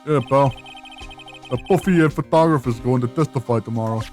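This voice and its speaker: A man's voice: medium pitch, a little fast, a little mellow, soft background music, close to an everyday voice. Man voicing Detective Gumshoe, blunt folksy police detective. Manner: blunt, folksy, tacks a pet word onto sentences. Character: gruff, blundering, good-hearted adult male police detective.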